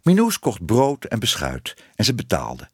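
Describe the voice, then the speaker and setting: Male audiobook narrator for children's fiction, animated delivery, dry booth sound. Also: fairly low pitch, unhurried, breathy edge, no room sound. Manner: expressive, varied reading. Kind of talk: scripted narration of a children's book.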